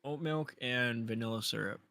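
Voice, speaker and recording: A man's voice: medium pitch, normal speed, creaky, bright, forceful tone, dry recording. A man co-hosting a casual livestream podcast, joking and teasing in loose banter. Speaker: podcast co-host.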